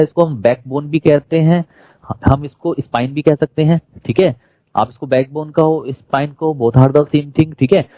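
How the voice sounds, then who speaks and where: A man's voice: fairly high pitch, dry recording, dull audio. A man with an Indian accent teaching a classroom lecture, who keeps quizzing the class and repeating key terms.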